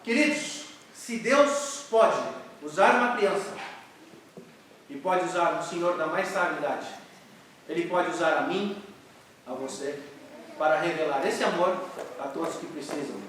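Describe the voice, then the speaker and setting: A man's voice: a little high, measured pace, fairly bright tone, a little hiss or hum. A man preaching and leading a prayer in a church, with an earnest, reverent manner. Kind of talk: sermon and closing prayer. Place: church sanctuary. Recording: echoey church hall, mic far off.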